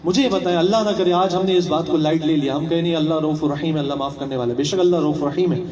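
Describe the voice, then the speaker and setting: A young man with a high voice leads a religious training session, asking his listeners rhetorical questions and repeating his points. He mixes English words into his speech. He is heard from a distance, in a large hall that rings with echo. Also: darkish tone, highs cut off, a little hiss or hum. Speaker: religious instructor. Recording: echoey hall, voice from far off.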